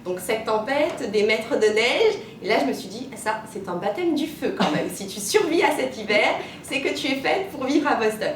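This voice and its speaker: A woman, a maths teacher chatting in an interview and pausing often on "euh". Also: expressive. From Martinique. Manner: chatty storyteller, many "euh" pauses. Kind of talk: casual interview answers. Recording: roomy, distant mic, rumbling noise.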